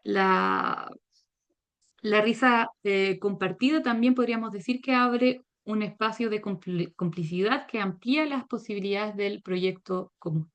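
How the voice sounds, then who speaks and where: A woman giving a virtual academic lecture, measured and hesitant, with frequent fillers. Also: medium pitch. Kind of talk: academic presentation. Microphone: video call.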